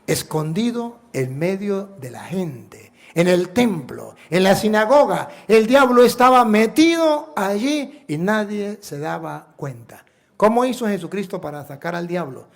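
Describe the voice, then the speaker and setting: A Venezuelan priest preaching a sermon in an emphatic, repetitive way, full of rhetorical questions. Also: male voice, high voice. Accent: Venezuelan Spanish.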